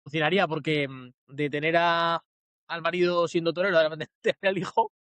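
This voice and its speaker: Spanish man hosting, slightly high voice. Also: steady tone, fast talker, a bit bright, no echo. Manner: formal scripted intro, then hesitant questions. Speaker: podcast host. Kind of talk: podcast interview.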